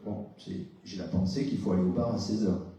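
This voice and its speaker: Very dark-voiced man lecturing in an echoey hall. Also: low-pitched, fairly even intonation, a little fast. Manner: explanatory, questions the audience, many hesitations. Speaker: psychologist giving a talk. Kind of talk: conference talk with audience exchange. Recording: very echoey hall, distant mic.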